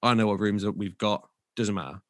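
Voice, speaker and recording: Low-voiced sweary man telling stories. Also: steady tone, a little fast, no room sound, clean studio sound. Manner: sweary, laughing, storytelling. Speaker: podcast co-host, tour manager. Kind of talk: casual chat.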